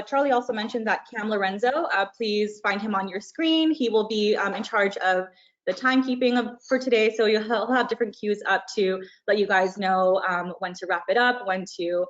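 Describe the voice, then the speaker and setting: A woman's voice: mid-range voice, moderate pace. A woman moderating an online forum, talking casually with lots of ums. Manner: casual, filler-heavy, friendly. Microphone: video call. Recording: dull lo-fi video call audio.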